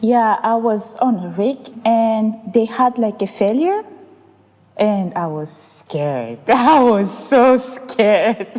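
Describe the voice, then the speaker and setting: Young woman from Chad, high voice, echoey. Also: slow pace, a little mellow. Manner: laughs often, says "like" a lot. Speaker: field engineer. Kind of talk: interview answers. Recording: reverberant room.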